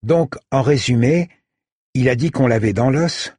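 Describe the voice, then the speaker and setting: A man voicing a curious, chatty boy who asks excited questions. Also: mid-range voice, unhurried, breathy edge, no echo, studio quality, voice pushed up. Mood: eager.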